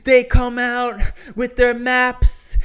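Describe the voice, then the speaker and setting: A man plays an indignant wrestler cutting a promo in a high-pitched voice. He stretches his words slowly and theatrically. Slangy rhetorical questions make the lecture taunting and confrontational. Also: completely flat delivery, a bit bright, clean tone, soft background music, exaggerated voice. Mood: fired up. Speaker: geography teacher.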